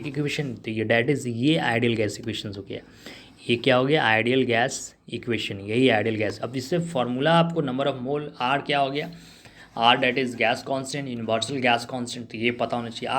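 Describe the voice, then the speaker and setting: A man's voice: mid-range voice, fairly bright tone, slight background noise. A male chemistry teacher giving a revision lesson, explaining step by step and asking the class rhetorical questions. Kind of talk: revision lesson in Hindi-English mix.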